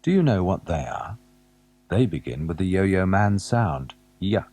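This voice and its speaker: A man narrating a children's alphabet storybook, gently asking the young listener questions as he goes. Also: low-pitched, very animated, unhurried.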